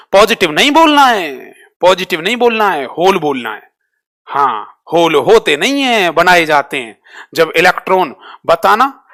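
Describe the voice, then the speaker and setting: Guy teaching online, keeps asking the same question over n over, bit high voice. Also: fairly bright tone. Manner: drills students with repeated quick questions; switches between Hindi and English terms. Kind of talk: live online class quiz.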